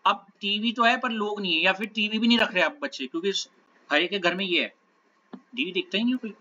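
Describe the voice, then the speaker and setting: Man, teacher, very bright voice, chatty classroom aside, muffled lo-fi recording. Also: high voice, fairly quick. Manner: conversational, keeps checking students follow. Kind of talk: classroom talk, lecture digression.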